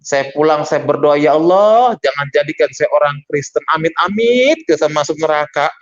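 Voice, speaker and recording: Man telling a lively testimony. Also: fairly high pitch, normal speed. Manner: animated storyteller acting out dialogue. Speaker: pastor. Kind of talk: testimony sermon. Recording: dull lo-fi recording.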